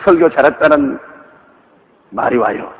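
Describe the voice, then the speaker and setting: A man's voice: fairly high pitch, animated, measured pace, slight background noise. A male pastor preaching a sermon emphatically, with many rhetorical questions, in a dull, reverberant recording.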